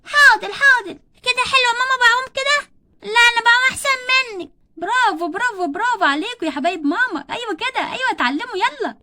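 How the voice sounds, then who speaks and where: A woman's voice: very high-pitched, animated, sharp tone, heavily acted. A woman with an Egyptian Arabic accent voicing a bossy, stubborn young doll mother in a toy role-play story. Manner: scolding, quick-tempered.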